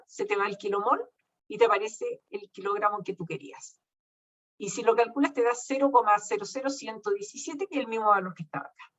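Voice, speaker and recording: A woman lecturing her class, reassuring and checking often that students follow. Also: on the high side. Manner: reassuring, checks understanding with frequent "¿ya?". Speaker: university teacher. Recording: dull lo-fi sound from a distant mic.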